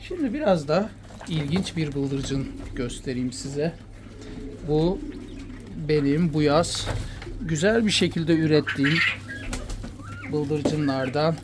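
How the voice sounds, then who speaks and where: A man's voice: on the high side, lively intonation, takes it slowly, long pauses. A man from Turkey showing his quails in a casual vlog, talking fondly and soothingly to the birds. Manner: fond, soothing, talks to the birds. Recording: noisy with bird sounds. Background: cooing birds, pigeons.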